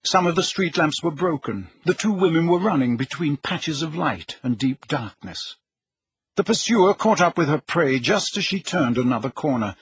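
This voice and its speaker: A man narrating an audiobook in a measured, dramatic storytelling manner with a husky voice. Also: a little high. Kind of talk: scripted narration. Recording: dull lo-fi recording.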